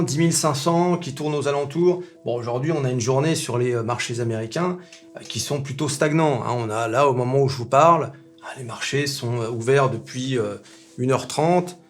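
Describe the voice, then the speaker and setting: A man hosting a casual market commentary video, chatty and animated, full of fillers and rhetorical questions. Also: medium pitch, vocal fry. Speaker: finance video host.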